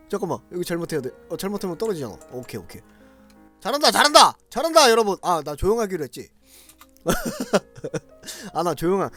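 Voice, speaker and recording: A man doing loud, excitable gameplay commentary, exclaiming and talking straight to his viewers. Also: high-pitched. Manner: loud, excitable, shouting and laughing often; talks to viewers directly. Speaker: game streamer.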